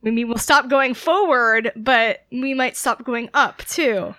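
A woman's voice: on the high side, slow, pushed and bright, no room sound. A woman playing in a tabletop game, thinking aloud hesitantly. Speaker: player. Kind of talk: casual tabletop game chat.

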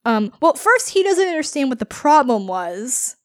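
A woman's voice: sits high, very animated, moderate pace, dry recording, studio quality. A woman co-hosting a podcast, recapping a book in a casual, rambling way full of fillers. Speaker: podcast co-host.

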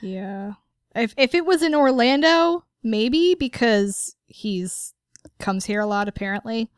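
A woman co-hosting a casual podcast, joking sarcastically and laughing between remarks. Her voice sits fairly high and smooth, with an unhurried pace, recorded dry and close. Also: expressive, dry recording. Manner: giggly, sarcastic, laughs often. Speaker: podcast co-host.

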